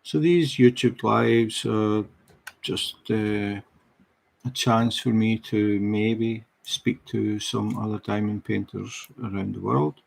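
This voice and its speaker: On his diamond painting livestream, a middle-aged man from Scotland chats easily with viewers in his Scottish accent, relaxed and in no hurry. His voice leans low and gravelly.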